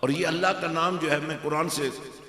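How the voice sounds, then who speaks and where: A man preaching a fervent sermon in a mosque, his voice swelling to loud exhortation. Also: fairly high pitch, fairly even intonation, moderate pace. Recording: echoey mosque hall.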